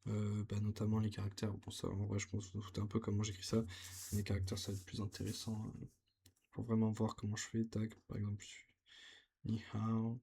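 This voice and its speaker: A man's voice: fairly low pitch, monotone, fast, gravelly, mellow, slightly rough. A young man vlogging his language practice, talking casually and hesitantly as he writes. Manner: hesitant, thinking aloud while writing. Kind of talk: casual learning vlog. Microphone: camera set on the desk.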